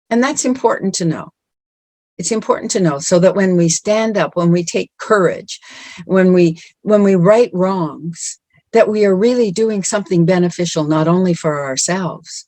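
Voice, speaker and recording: A woman's voice: lowish voice, a little mellow, no room sound. A middle-aged woman giving an earnest, encouraging motivational talk, often repeating words for emphasis. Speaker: speaker at a women's empowerment event.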